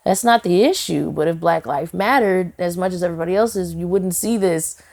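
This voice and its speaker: A woman singer and songwriter is interviewed in a relaxed podcast conversation. Her voice sits low and has a gravelly edge. She speaks earnestly from the heart, with lots of "you know" fillers and restarts. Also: fairly quick.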